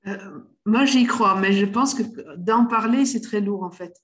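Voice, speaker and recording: A middle-aged Dutch woman, whose first language is Dutch, speaks French as a guest on a casual podcast, where she appears as a doula of the inner child. Her mid-range voice moves a little slowly, and she searches for words with many restarts and fillers.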